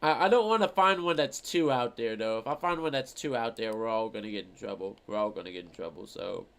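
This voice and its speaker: A man's voice: medium pitch, fairly quick, gravelly, fairly bright tone, clear, resonant tone. A man streaming, reacting to an old video of himself, rambling and swearing casually with a lot of fillers. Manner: rambling, profane, lots of fillers.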